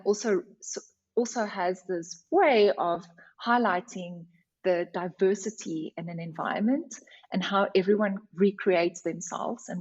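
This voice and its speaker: A woman speaks with a broad South African, Afrikaans accent in a slightly dull, lo-fi recording. She explains things conversationally and with enthusiasm, like a guest on a podcast. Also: mid-range voice. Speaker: company representative, interview guest. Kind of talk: conversational podcast interview answers.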